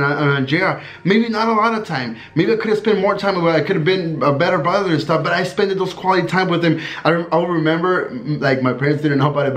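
A man in his thirties from the USA speaks straight to camera in a slightly high voice. His talk is loose and earnest, packed with "like" and "you know", and he breaks into laughter as he remembers old family moments. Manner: rambling and earnest, heavy on fillers; laughs while recalling stories. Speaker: vlogger.

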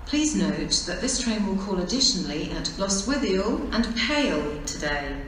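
A woman's voice: mid-range voice, sing-song, normal speed. A British woman making formal, automated train platform announcements in clipped pre-recorded phrases. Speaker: station announcer. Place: railway station, over public address speakers. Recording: echoey, distant station PA with background noise. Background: station ambience.

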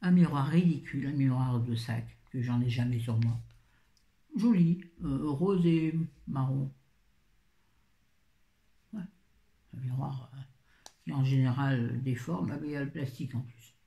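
A woman's voice: a bass voice, a little slow, vocal fry, long pauses, dark tone. A woman beauty vlogger chatting casually through a product haul, with wry asides and frequent fillers. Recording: echoey room.

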